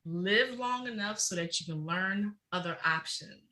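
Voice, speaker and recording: A woman's voice: mid-range voice, bright, forceful tone, poor audio. A middle-aged woman speaking passionately and emphatically as a guest in a podcast interview. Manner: passionate, emphatic, fast-flowing. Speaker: guest, researcher.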